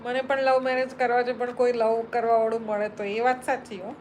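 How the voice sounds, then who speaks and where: A woman's voice: a little high, level tone, fairly quick, darkish tone, slight background noise, poor audio. A Gujarati woman hosting a live stream, chatting casually as she reads viewer comments aloud and answers them one by one. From Gujarat, India.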